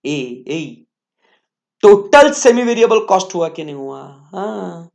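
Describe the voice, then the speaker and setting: Brief: slow-talking male lecturer, teasing and slangy, keeps quizzing the class. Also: high-pitched, lively intonation, creaky, darkish tone. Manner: playful, teasing, slangy banter with students; repeats questions to the class. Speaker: teacher.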